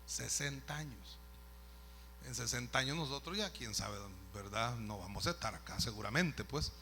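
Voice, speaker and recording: Man, pastor, storytelling sermon, conversational asides, bright tone, faint hum behind. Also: medium pitch, animated, normal speed. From El Salvador. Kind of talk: sermon testimony.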